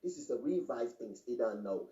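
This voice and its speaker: A man giving an energetic, sing-song shout-out as the show's intro. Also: medium pitch, fairly quick, lo-fi sound. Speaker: show intro hype man. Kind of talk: hype shout-out. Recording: distant, noisy, echoey clip.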